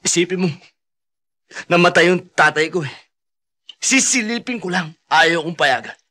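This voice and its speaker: A man's voice: high voice, lively intonation, moderate pace, sharp tone. An actor playing a hot-tempered young soldier who is grieving and drunkenly angry at his officer, in a film with music underneath. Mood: bitter. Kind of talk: film acting.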